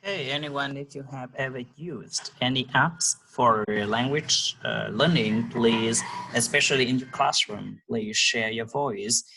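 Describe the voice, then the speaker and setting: A man's voice: mid-range voice, unhurried, vocal fry, hardly any pauses, bright, forceful tone, slight background noise, low-quality recording. A man on a video call, urging the group to speak up in an online meeting. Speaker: webinar participant. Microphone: computer mic on a video call.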